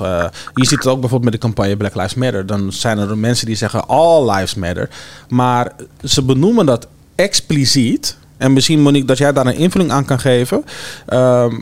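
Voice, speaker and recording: Hesitant male talk show host. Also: mid-range voice. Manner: hesitant, many fillers, laughs often.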